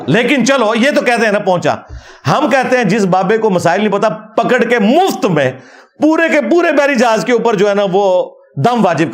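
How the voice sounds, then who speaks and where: A man giving a critical religious talk in a mocking, argumentative way. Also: high voice. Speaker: religious speaker.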